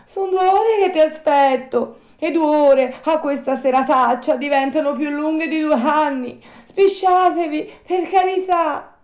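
A woman voicing a wooden puppet boy who is desperate and impatient, crying out in shrill pleas. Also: unhurried, darkish tone. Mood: pleading. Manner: shrill pleading cries. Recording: roomy echo.

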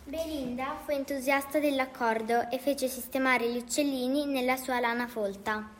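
A woman reads a children's story aloud with a gentle, lively manner. Her voice is high. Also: normal speed.

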